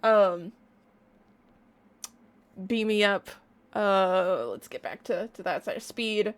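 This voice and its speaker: A woman streamer giving a casual, excited reaction in a playful, bubbly, gushing way. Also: mid-range voice, takes it slowly. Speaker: online reaction streamer and music creator.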